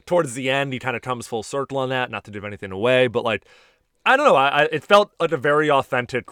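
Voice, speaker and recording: Guy in his 30s telling stories on a podcast, lively, swears a bit, dry close mic. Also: mid-range voice, fast, clean tone, no room sound. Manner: animated storyteller, casual swearing. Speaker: podcast host and stand-up comic. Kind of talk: casual chat.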